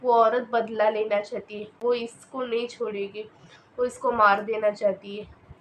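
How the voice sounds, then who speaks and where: A woman's voice: a little high, little pitch movement, unhurried, fairly bright tone, muffled recording, a little hiss or hum. Woman voicing a grave old exorcist. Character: stern older male exorcist, grave and knowing.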